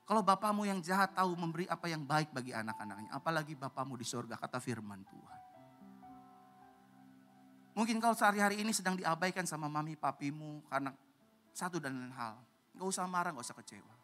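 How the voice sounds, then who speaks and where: A man preaching a sermon as a pastor, animated and swinging from loud to hushed as he acts out other voices. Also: on the high side, brisk, faint music behind.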